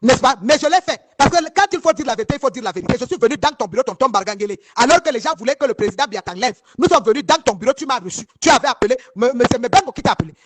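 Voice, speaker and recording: A woman from northern Cameroon speaks. She talks fast and emphatically, stacking restarts and repeated words as she addresses her audience directly. Her tone is heated testimony, never detached. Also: fairly high pitch, expressive, noisy background. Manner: speaks straight to her audience and asks if they follow. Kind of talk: heated first-person testimony to viewers.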